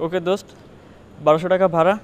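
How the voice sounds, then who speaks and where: A man's voice: high voice, flat delivery, fast talker, slight background noise, natural voice. A man playing a teasing young man who rents out a garage room for money, talking in slang. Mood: mocking.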